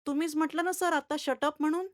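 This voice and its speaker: A woman's voice: sits high, fairly even intonation, fairly quick, no echo, studio quality, pitched above the performer's own voice, lightly acted. A woman voicing a cheeky schoolboy who answers back to his teacher with mock innocence in a read-aloud story. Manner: innocent-sounding, cheeky replies. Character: cheeky boy student talking back to teacher. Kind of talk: storytelling reading.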